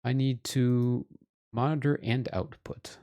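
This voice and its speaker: This is a man streaming a game live, speaking slowly in a steady, mid-range voice as he talks casually to chat and pokes fun at himself. He's on a desk mic with headphones, over soft background music.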